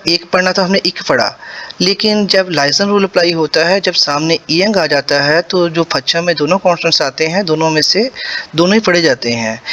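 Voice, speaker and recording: Teaching Korean pronunciation to beginners, this man from Pakistan, whose Urdu carries a Punjabi accent, patiently and slowly repeats each sound syllable by syllable. His voice sits on the high side with a fairly bright tone.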